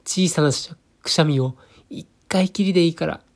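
Man doing a baby bird, storybook chick, high and pleading, timid and greedy. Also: moderate pace.

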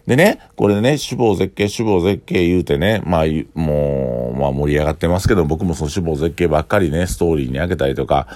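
Very deep-voiced Kansai man speaking through a mouthguard. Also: brisk, few pauses, a little mellow, dry recording. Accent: Kansai, Osaka. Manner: speaking with a mouthguard in, slightly muffled articulation; rambling, conversational, thinking aloud. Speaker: podcast host who runs bars and eateries. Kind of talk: casual solo podcast monologue.

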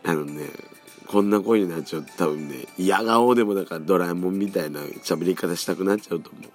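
A hoarse man around forty with a cold, hosting a casual solo podcast, chatty and rambling, often letting his voice drop and trail off. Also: deep voice, a little fast, a little mellow, faint music behind. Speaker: podcast host.

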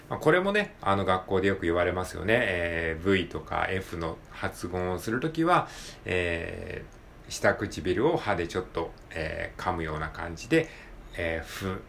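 A man hosting his own podcast, talking alone in a polite, relaxed way with many drawn-out fillers. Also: low voice, creaky, a little hiss or hum. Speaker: podcast host. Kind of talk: casual solo podcast talk.

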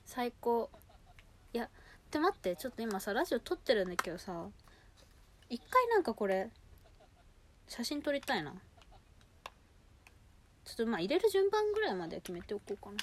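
A woman with a fairly high, very animated voice talks casually to her listeners. She gushes with excitement, then drifts into muttered asides to herself. The recording has noticeable noise, with small clicks from things being handled. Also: moderate pace, long pauses. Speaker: host of a personal audio show. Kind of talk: casual unscripted chat to listeners while unboxing and sorting cosmetics.

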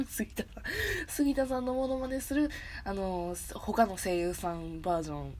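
A woman's voice: medium pitch, unhurried, a little hiss or hum. A woman with a Kansai accent hosting a solo casual radio talk, laughing often and joking at herself. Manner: laughs often, lively and self-mocking. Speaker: podcast host.

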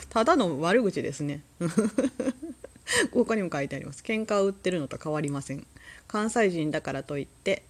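A woman with a Kansai accent chatting alone on a podcast, relaxed and rambling, laughing often. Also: lowish voice. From Kansai, Japan. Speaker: solo podcast host. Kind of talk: casual solo talk.

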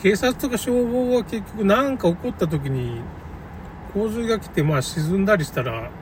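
A man with a slightly high voice talks in a loose, conversational monologue, opinionated and rambling. His intonation rises and falls widely. He sounds some way from the microphone, with clear vehicle and street noise around him. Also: expressive, normal speed. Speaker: commentator recounting a local flood. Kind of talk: casual unscripted monologue. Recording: noisy, distant mic, car and outdoor ambience.

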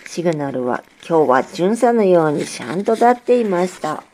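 Mellow-voiced woman reading a storybook. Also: lowish voice. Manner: calm, measured narration. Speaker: narrator.

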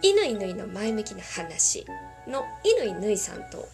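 A woman chatting on her podcast, her pitch jumping around with a lively, bouncy intonation. She is playful and a little self-conscious, giggling between listener requests as soft music plays underneath. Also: normal speed, gravelly. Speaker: podcast host. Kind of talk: casual talk reading listener requests. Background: faint background music.

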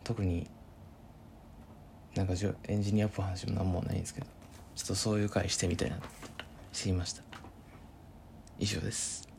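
A man's voice: deep voice, level tone, fast, creaky, long pauses, darkish tone, slight background noise. A young man with a Kansai accent, rambling casually in a solo talk, with many fillers and self-corrections. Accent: Kansai Japanese. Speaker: solo podcast host. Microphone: home voice recording app.

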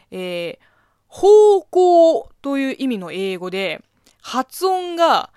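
A woman's voice: on the high side, no room sound, clean studio sound. Chatty Chinese-accented woman radio host. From southern China. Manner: chatty, reads letters then comments offhand. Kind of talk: casual radio chat answering listener letters.

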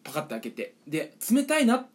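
A young man co-hosting a casual podcast chat, telling an animated story and acting out the quotes. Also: fairly high pitch, quick pace. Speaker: podcast co-host.

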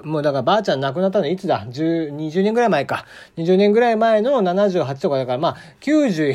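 A man's voice: a little high, darkish tone. A man in his forties from Kagoshima, hosting his own podcast in a rambling, chatty monologue full of fillers and little chuckles. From Kagoshima, Japan. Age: 40s. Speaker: solo podcast host. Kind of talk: casual radio-style monologue.

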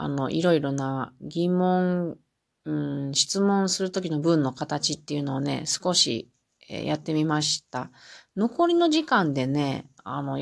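A woman teaching French on a solo podcast, explaining patiently with many fillers and reading example phrases slowly twice. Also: low-pitched, vocal fry. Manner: reads French phrases slowly, then repeats them.

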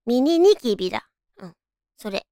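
Very high, cute anime-girl voice, woman. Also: big pitch swings, moderate pace, dark tone, dry recording, studio quality. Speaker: radio show host. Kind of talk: casual solo chat.

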